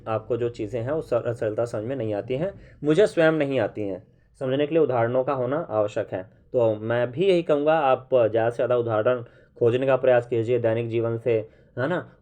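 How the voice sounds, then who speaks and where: A man teaching Hindi grammar in an online lesson. He explains slowly, repeats key terms, asks viewers questions and keeps checking that they follow. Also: mid-range voice. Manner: explains slowly, with frequent "है ना" and "ठीक है" check-ins. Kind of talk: classroom-style online lesson.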